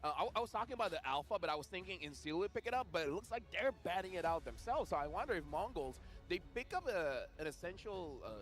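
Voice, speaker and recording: Brief: bouncy, joking male esports co-caster, slightly high voice, faint music behind. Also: lively intonation, fast talker, few pauses, a bit bright. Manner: playful, joking banter. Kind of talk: esports draft commentary.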